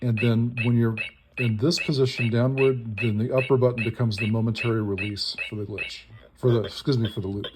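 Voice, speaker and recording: A man's voice: mid-range voice, fairly even intonation, brisk. A man with a mid-range voice walks through an electronic gadget informally. He explains in short, tentative pieces while working the controls, with heavy noise and clicking in the recording. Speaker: demonstrator of a modified electronic instrument. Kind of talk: casual hands-on walkthrough. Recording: very noisy, with device buzz and clicks. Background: electronic toy noises and button clicks.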